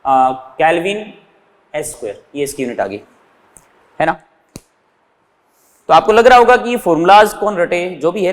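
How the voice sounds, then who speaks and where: A man's voice: sits high, in a large hall. A male physics teacher explains units step by step, asking his students questions and answering them himself. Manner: calls his students "beta". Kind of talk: whiteboard physics lesson.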